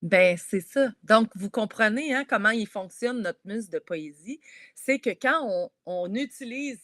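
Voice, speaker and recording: A woman with a Québécois French accent, a children's author, leading a poetry workshop for schoolchildren over a video call, explaining step by step in a lively, encouraging way. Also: medium pitch, unhurried, dry recording, clean studio sound. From Quebec. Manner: lively, encouraging, explains step by step while talking straight to kids.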